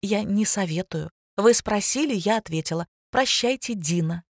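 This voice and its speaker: A woman reading an audiobook voices a timid middle-aged mother who speaks softly, calm and restrained. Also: mid-range voice, moderate pace, no echo, clean studio sound. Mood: dry calm.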